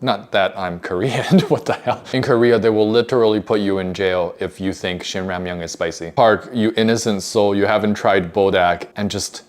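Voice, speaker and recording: A man's voice: fairly low pitch, steady tone, normal speed, few pauses. A man giving comedic, sarcastic reaction commentary as a food reviewer, joking and mock-outraged as he goes.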